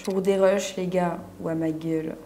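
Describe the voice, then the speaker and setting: A woman's voice: lowish voice, steady tone, moderate pace, warm tone, soft background music. A young woman teaching video editing in a chatty, slangy, self-mocking way, working at her computer at home. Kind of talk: casual tutorial.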